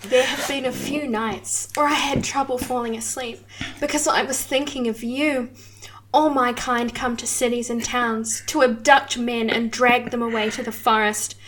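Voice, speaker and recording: A woman voicing a doting, seductive female snake-woman monster in an improvised audio role-play, speaking breathily and slowly. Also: a little high, steady tone, slight background noise, natural voice. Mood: longing. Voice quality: breathy, soft and adoring. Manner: slow, lingering and affectionate.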